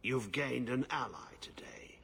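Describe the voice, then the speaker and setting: An actor playing a weary old male warden who speaks slowly and gravely. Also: medium pitch, pushed and bright, slight background noise. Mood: grateful. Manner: slow, solemn, grave.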